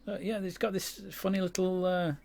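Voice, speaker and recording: A man's voice: sits high, level tone, normal speed, creaky, a little mellow. A man giving casual, rambling commentary over his own gameplay, with many fillers and restarts. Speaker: game YouTuber.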